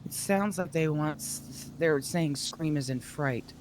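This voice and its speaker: A woman's voice: sits low, measured pace, a little mellow, a little hiss or hum. Woman heard over a phone speaker. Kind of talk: casual chat.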